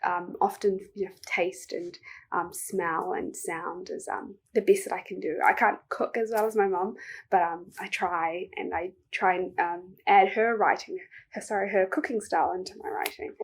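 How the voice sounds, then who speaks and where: A young woman with a New Zealand accent answering interview questions as a poet, speaking in a soft, reflective way with many ums. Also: on the low side, fairly even intonation, moderate pace, breathy edge. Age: young adult.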